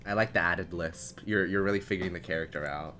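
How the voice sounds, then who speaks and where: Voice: low-pitched, sharp tone, slight background noise. A streamer narrating a story game and chatting with a co-host in a playful, teasing way. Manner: playful teasing, quick laughs.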